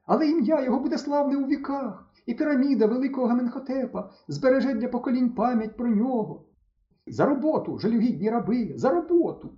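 A man's voice: very high voice, animated, fast talker, pitched above the performer's own voice. A man reading an audiobook, voicing a bossy, theatrical village boy who declaims pompously. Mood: wailing. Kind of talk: audiobook character voice. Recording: dull lo-fi recording.

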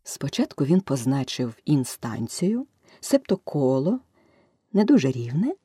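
Woman reading a kids story out loud, lively up and down voice, kinda husky and low. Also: measured pace, no room sound, clean studio sound. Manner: expressive, varied storytelling delivery. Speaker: narrator.

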